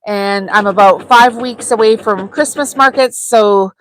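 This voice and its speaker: A woman's voice: medium pitch, measured pace, slight background noise, rough recording. A woman hosting a live sewing tutorial, talking casually and chattily with frequent ums as she works. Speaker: sewing channel host.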